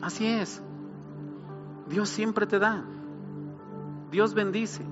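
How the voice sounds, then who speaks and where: A man's voice: high voice, fairly even intonation, extremely slow, in a large hall, muffled recording, music in the background. A middle-aged man, preaching a sermon as pastor, building emphasis and asking rhetorical questions.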